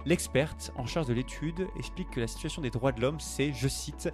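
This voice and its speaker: A man hosting a radio news segment, reading items briskly and chatting with his co-host. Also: mid-range voice, music in the background.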